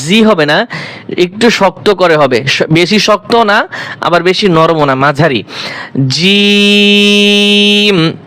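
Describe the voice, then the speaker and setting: A man with a fairly high voice teaching a step-by-step Quran recitation lesson. He patiently drills each letter sound, saying it over and over, and asks his students questions that he answers himself. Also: fairly bright tone. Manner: patient, repeats each letter aloud several times.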